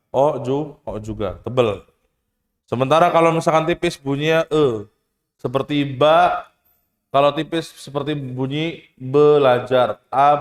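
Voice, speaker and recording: Slow-talking man teaching Quran recitation, echoey hall. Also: mid-range voice. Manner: slow, repetitive, questioning the class, demonstrates recitation; casual, joking asides. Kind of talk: tajwid lesson to students. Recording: echoey hall with long reverb.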